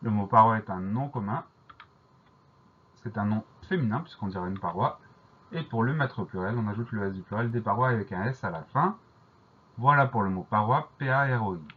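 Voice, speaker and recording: A man teaching a French spelling dictation lesson, spelling each word out letter by letter in a slow, deliberate way. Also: on the low side, slightly rough, narrow, tinny audio.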